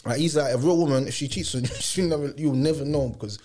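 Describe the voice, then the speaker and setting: Young man, London accent, roadman slang and delivery, fairly high voice, casual podcast chat. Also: quick pace, a little mellow. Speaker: podcast host.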